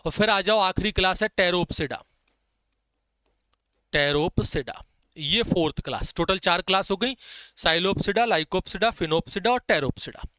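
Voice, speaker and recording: Mixing Hindi with English, a man teaches biology, dictating notes, slowly repeating key terms, and dropping in chatty asides. His voice sits high with a sharp, smooth tone, recorded with no echo.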